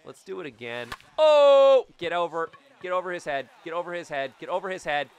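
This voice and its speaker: Playing a baseball video game, this thirtysomething YouTuber delivers brisk, jokey, excitable commentary punctuated by loud yells. His tone is clean, though the recording comes out muffled. He uses a studio mic on a boom in a small home room, framed for webcam.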